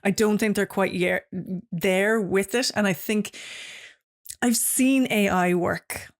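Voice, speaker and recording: Gravelly-voiced woman host. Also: medium pitch, steady tone, slow pace. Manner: frank, swears casually, reflective. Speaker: podcast host. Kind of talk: casual chat.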